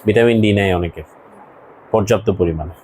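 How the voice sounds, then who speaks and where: A man's voice: fairly low pitch, a little fast, darkish tone, slight background noise, poor audio. A man teaching an English lesson to a class, explaining words one by one and asking students questions.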